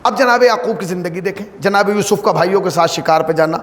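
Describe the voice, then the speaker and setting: A male cleric from northern India delivering a sermon at a mourning gathering, telling a story with animation and firing rhetorical questions at the audience. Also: high-pitched. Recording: long hall reverb, faint noise.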